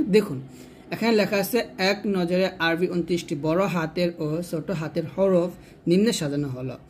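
A man teaching Quran reading step by step, explaining quickly and then drilling each syllable slowly and clearly. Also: fairly high pitch, darkish tone, slight background noise. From Bangladesh. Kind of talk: step-by-step lesson.

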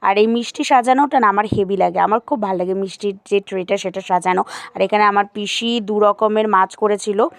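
A woman's voice: mid-range voice, steady tone, brisk, creaky, no room sound. A young woman, casually narrating her own vlog and chatting to viewers. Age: young adult. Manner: chatty, addresses viewers as "guys". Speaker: vlogger.

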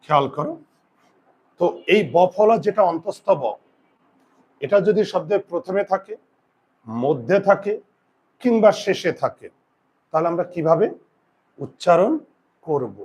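A male teacher with a fairly high voice leads a classroom grammar lesson. He puts questions to his students and answers them himself. He slows right down to dictate each rule for them to write down. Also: animated, darkish tone, slightly rough, lo-fi sound. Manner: slow deliberate dictation of rules.

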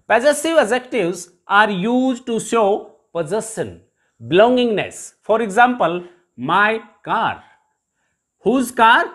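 A teacher with an Indian English accent delivers a televised grammar lesson at an unhurried pace. The voice is middle-pitched and each example is spelled out and repeated as a question and its answer. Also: a bit bright.

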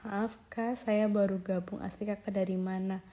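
A woman's voice: mid-range voice, little pitch movement, moderate pace, dark tone. A young woman in her twenties from Aceh, chatting casually on a phone live stream while lying in bed, reading viewer comments aloud and coaxing them to join her. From Aceh, Indonesia. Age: 20s. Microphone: phone held at arm's length.

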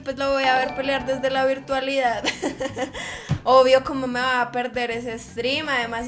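A young woman, a high squeaky voice, chatting and teasing as she reads her live-stream chat aloud.

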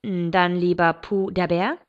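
Woman reader playing a gentle young man, lowered voice, soothing, muffled sound. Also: fairly even intonation, takes it slowly. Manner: soft, soothing. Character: gentle young man, calm caring boyfriend. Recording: dull lo-fi recording.

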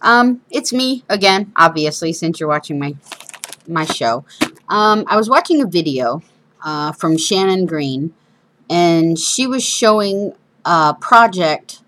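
Speaking slowly with lively intonation, this craft show host has a fairly low, slightly bright voice and sibilants that whistle through missing front teeth. She demonstrates a craft at an indoor table in a casual, chatty way, adding informal, self-deprecating asides.

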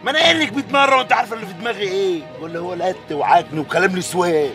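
A stubborn working-class brother, gruff and defensive in an Egyptian accent. His gravelly voice runs high and very fast over music.

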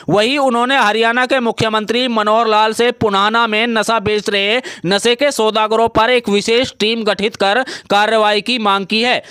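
A man's voice: high-pitched, fairly bright tone, clear, resonant tone, no echo, studio quality. A man narrating a scripted local news report in a formal, read-out manner.

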